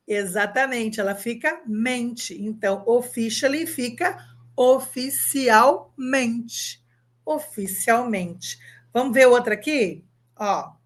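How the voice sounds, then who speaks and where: A Brazilian woman in her fifties, an English teacher giving an online lesson, upbeat and coaxing, drilling words slowly and spelling them out. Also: on the high side. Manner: upbeat, coaxing, asks the viewer to answer.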